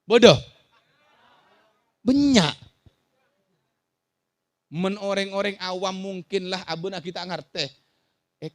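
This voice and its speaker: A man preaching a sermon to a village gathering. He swings from shouted warnings to quiet asides and often questions and jokes with the audience. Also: high-pitched. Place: outdoor village religious gathering.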